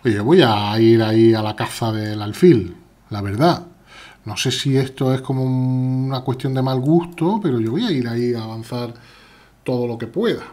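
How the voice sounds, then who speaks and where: Warm in tone, with a mid-range voice at normal speed, this Spanish man from Spain chats playfully during live chess stream commentary, reading viewers' messages aloud while he plays.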